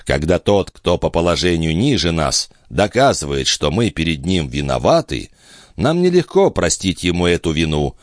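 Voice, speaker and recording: A man reads a classic novel aloud in a measured, literary manner. His voice sits very low but moves expressively, and the recording is dry and close. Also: big pitch swings, no echo. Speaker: audiobook narrator. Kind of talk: scripted narration.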